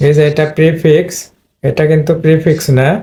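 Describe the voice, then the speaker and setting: Mellow-voiced man teaching pronunciation. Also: fairly high pitch, fairly even intonation, fairly quick. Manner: repetitive, drills words over and over. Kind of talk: online lesson explaining word stress.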